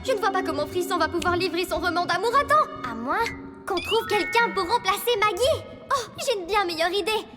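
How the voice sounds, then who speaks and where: A woman voicing an earnest, quick-thinking, anxious teenage girl in a French cartoon dub. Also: very high-pitched, animated, over loud music. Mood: coaxing.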